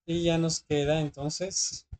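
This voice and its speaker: Slow-paced teacher, patient, classroom grammar lesson, checks understanding often. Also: medium pitch, level tone, a little mellow. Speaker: English teacher.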